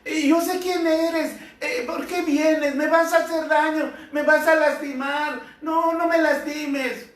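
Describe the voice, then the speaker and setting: Male preacher doing a high whimpering demon, fawning and sly, echoey room from a distance. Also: steady tone, slow, few pauses. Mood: wheedling. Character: whiny flattering male demon, pleading and deceitful.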